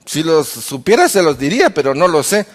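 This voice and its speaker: A man's voice: a little high, big pitch swings, brisk. A man playing an angry, impatient ancient king who scolds and threatens his advisers, in a sermon. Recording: reverberant church hall.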